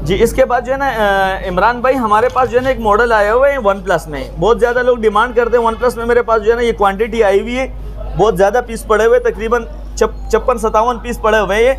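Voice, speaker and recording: High-pitched, eager Pakistani phone salesman. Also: brisk. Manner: eager, repetitive salesman patter. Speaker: mobile phone shop seller. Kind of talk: promotional sales pitch to camera. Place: small open-fronted mobile phone shop stall.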